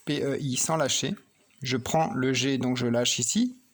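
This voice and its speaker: A man's voice: mid-range voice, steady tone, unhurried. A man teaching a child to read and write, patiently talking through each pen stroke and spelling words letter by letter. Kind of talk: slow handwriting and phonics lesson for children.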